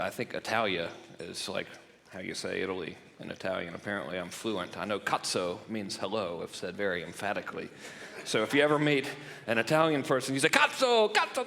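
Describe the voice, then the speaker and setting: A man's voice: fairly low pitch, vocal fry, fairly bright tone. Joking man presenting in a reverberant hall. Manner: loose, jokey and profane, laughing at his own gags. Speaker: marketing workshop presenter. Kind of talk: joking seminar talk. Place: event room stage.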